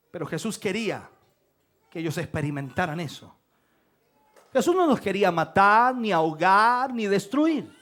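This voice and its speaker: A man from Chile, preaching a sermon in church with dramatic bursts of shouting. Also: high-pitched. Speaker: pastor.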